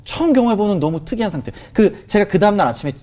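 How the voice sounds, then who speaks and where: A man's voice: sits high, sing-song, very fast, mellow. A man animatedly recounting a personal religious experience as a guest, emotional and full of fillers. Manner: emotional, vivid retelling with many fillers. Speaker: guest sharing a testimony.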